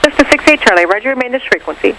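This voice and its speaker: A man's voice: extremely high pitch, lively intonation, very fast. A male air traffic controller giving clipped, procedural air traffic control calls over aviation radio. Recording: very noisy aircraft radio transmission.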